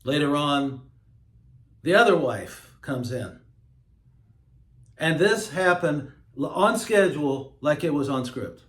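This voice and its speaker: A man hosting his own show, talking in a slow, emphatic, preachy monologue. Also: fairly high pitch, lively intonation, reverberant. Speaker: host. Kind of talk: monologue to camera.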